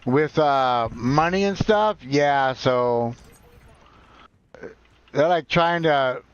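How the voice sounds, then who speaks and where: A man in his forties chatting casually and haltingly while live-streaming a game, rambling and self-deprecating. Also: mid-range voice, smooth. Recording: dull lo-fi, dry sound.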